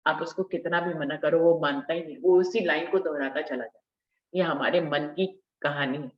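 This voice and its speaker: A woman leading a devotional scripture discussion, explaining verses slowly and repeating key phrases for emphasis. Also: fairly low pitch, roomy sound, muffled recording. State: slightly unwell. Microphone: video call.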